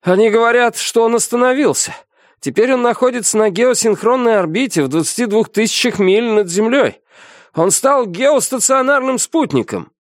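A man's voice: very high-pitched, lively intonation, normal speed, no echo, studio quality, voice pushed up. A man voicing an out-of-breath male first mate on a ship, reporting news urgently. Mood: breathless, urgent.

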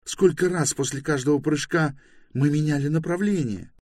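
A man voicing a sarcastic, quick-tempered young woman in an audiobook. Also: a little high, darkish tone, breathy edge, dry recording, studio quality, voice pushed up. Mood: heated. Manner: sarcastic, quarrelsome. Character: sharp-tongued young woman, quick to flare up.

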